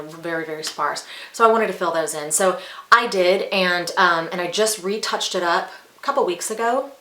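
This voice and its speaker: A woman in her forties chats candidly to viewers while doing her makeup, rambling with asides like a casual beauty vlogger. Her voice is lowish, bright, and forceful. The recording has a roomy echo and faint hiss.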